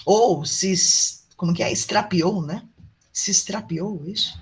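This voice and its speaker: A woman's voice: medium pitch, unhurried. Chatty Brazilian woman teaching online. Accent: Brazilian Portuguese. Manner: chatty, affectionate, asks the class "tá bom?". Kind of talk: online university lecture.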